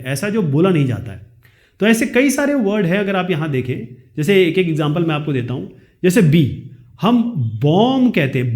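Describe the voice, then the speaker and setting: A man, teaching a lesson. He reads each question slowly, then explains the answer in quick chat. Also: high-pitched, darkish tone.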